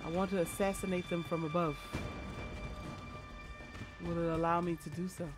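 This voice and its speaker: Playful woman gamer chatting live, laughs a lot, game music going loud behind her. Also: lowish voice, steady tone, moderate pace. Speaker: gaming streamer. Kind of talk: casual live gameplay chat. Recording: game music playing underneath. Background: game soundtrack.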